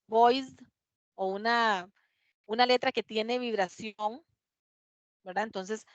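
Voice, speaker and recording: A woman teaching an English class, patiently explaining grammar and repeating words slowly to model pronunciation, in dull lo-fi audio. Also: fairly high pitch, fairly bright tone, no room sound.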